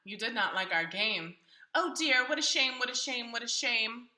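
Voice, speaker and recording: A woman voicing a playful, boastful male cat from a children's storybook in a theatrical, drawn-out way. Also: fairly high pitch, animated, bright, forceful tone, roomy sound. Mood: mock sorrow.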